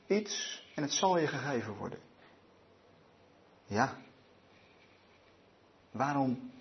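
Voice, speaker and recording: A man leading a Bible study evening, reading scripture aloud and talking it over with many hesitant fillers and restarts. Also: on the high side. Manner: reads scripture aloud in a measured tone. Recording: dull lo-fi recording.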